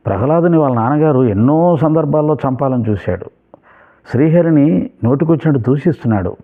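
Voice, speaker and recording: A man giving a devotional discourse, telling a story and moving between calm explanation and emphatic points. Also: mid-range voice. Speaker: spiritual teacher. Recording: phone-like narrow sound.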